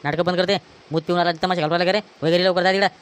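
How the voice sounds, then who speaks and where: A man's voice: sits high, steady tone, smooth, lightly acted. A man with a Varhadi Marathi accent playing an angry brother who scolds his drunk sibling in a village comedy skit. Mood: scolding. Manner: scolding, rapid-fire.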